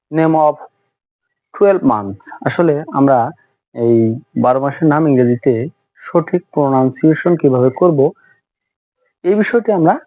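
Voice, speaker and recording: Man teaching English slowly. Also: fairly high pitch, dry recording. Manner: slow, repetitive, lots of 'uh' fillers. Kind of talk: spoken English lesson. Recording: dull lo-fi sound.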